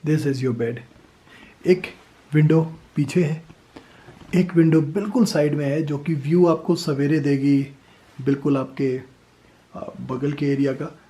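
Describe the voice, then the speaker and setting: A young man, a travel vlogger, excitedly showing off a homestay room at night and slipping English phrases into his talk. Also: fairly high pitch, takes it slowly, pauses often, husky, poor audio. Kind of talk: casual vlog walkthrough.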